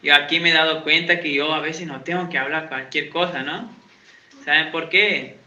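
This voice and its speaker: This Argentine pastor, from Santiago, preaches chattily to a congregation in Uruguay, testing them with questions and joking at his own expense. His voice is on the high side and sharp, with a steady tone and moderate pace. The church audio is echoey and dull, lo-fi in quality.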